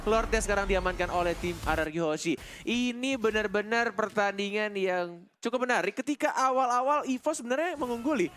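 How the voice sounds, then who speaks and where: A man with an Indonesian accent giving excited, dramatic esports play-by-play like a fighting game announcer, mixing in English gaming terms. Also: high voice, brisk. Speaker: esports shoutcaster. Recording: music behind the voice.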